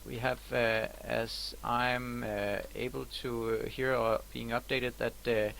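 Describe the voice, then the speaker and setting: Halting, slightly creaky male live commentator. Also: mid-range voice, little pitch movement, fairly bright tone, a little hiss or hum. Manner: halting, searching for words. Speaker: live launch broadcast host.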